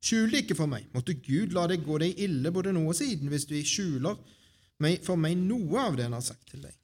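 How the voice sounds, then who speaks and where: A man reading the lines of the old, half-blind priest Eli in a calm, fatherly way. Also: a little high, breathy edge.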